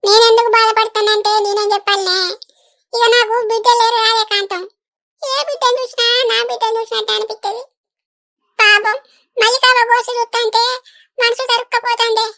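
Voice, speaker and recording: In this cartoon, a woman plays an older village aunty who talks with plenty of fuss and affection. Her voice sits very high and sounds bright and sharp, quick to chide and to sympathise. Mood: tearful. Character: talkative older village woman, fretful and caring. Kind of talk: animated village comedy voice acting.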